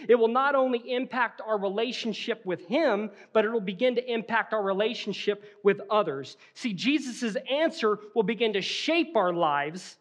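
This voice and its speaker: A man preaching a sermon as pastor, telling vivid stories and acting out quoted lines in a church. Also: sits high. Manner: storytelling, acting out scenes with quoted voices. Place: church sanctuary.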